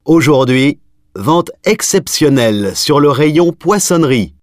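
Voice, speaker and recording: A man reads a supermarket promotion at an unhurried, measured pace, every word clearly spaced. His voice is a little high for a man. The recording is dry with no room echo. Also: animated. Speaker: store announcer. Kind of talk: scripted in-store advertisement.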